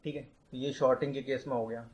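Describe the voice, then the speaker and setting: A young man, a tutor, teaching computer science step by step, mixing English terms into his talk and slowing down to dictate definitions. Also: mid-range voice, fairly even intonation, highs cut off. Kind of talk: explaining a lecture.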